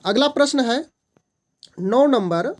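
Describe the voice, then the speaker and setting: Slow, patient grammar tutor. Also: mid-range voice, lively intonation. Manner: slowly sounds out single letters and syllables; patient, repeats definitions step by step. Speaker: online tutor. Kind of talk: explaining multiple-choice grammar questions.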